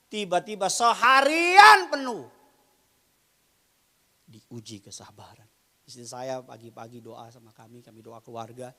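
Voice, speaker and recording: A male pastor preaches from a church pulpit in a strikingly high, bright voice. He tells stories with humor, dropping to quiet confiding asides and then rising into loud exclamations. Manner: shifts from low confiding talk to loud high-pitched exclamations; humorous storytelling. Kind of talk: sermon. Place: church stage. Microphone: live-streamed church service.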